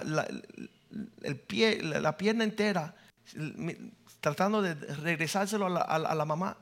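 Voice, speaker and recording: High, gravelly male pastor; preaches in bursts, drops to a hush for stories. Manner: preaching, swings between loud declarations and hushed storytelling. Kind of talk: sermon with personal stories.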